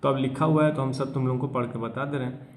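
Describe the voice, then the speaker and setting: A man teaching a physics class, explaining in casual talk and reading textbook lines slowly. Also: mid-range voice, steady tone. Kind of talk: class lecture. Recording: echoey room with faint hum.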